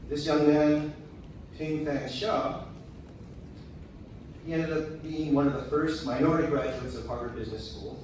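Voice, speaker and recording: A man delivering a prepared eulogy in a tender, measured way, with deliberate pauses. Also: a little high, fairly even intonation, a little mellow. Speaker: son giving a eulogy. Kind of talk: prepared memorial speech. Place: large room at a memorial service. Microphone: picked up from a distance. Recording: very echoey, distant, noisy hall.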